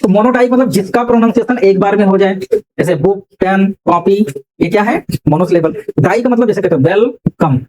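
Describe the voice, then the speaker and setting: A man's voice: sits high, fairly quick, darkish tone, rough recording. Man teaching a class, asking questions. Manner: asks the class questions and repeats answers. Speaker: English teacher. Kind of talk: classroom lecture.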